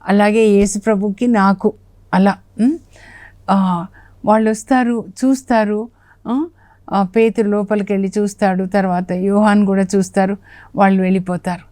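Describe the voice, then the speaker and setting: A woman teaching the Bible on a television program speaks in a friendly, conversational way. She sits at a middle pitch and acts out the quoted lines with a raised voice. Her voice is recorded dry and close, with no room sound. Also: fairly even intonation, moderate pace, dark tone, dry recording. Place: television studio.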